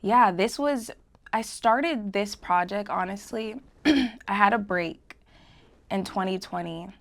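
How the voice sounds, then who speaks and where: A young woman, a recording artist, chatting casually in an interview, reflective and quick to laugh. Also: medium pitch. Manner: relaxed, reflective, laughs often.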